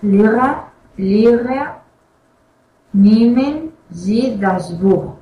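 A woman whose first language is Spanish, working through a pronunciation drill. She speaks extremely slowly and hesitantly, and her voice echoes in the room. She repeats each word with great care. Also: a little high, lively intonation, dark tone. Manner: hesitant, careful repetition. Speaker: language student. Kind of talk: pronunciation practice.

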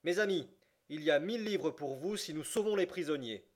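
A man reading an audiobook, voicing a calm, resolute English gentleman who speaks in measured, curt sentences. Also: mid-range voice, lightly acted. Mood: firm.

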